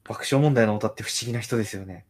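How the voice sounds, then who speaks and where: A man's voice: on the low side, fast, a little mellow, breathy edge. A man from Nagoya, a guest on a casual podcast, thinking aloud in a musing way with hesitant restarts. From Nagoya, Japan. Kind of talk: casual chat.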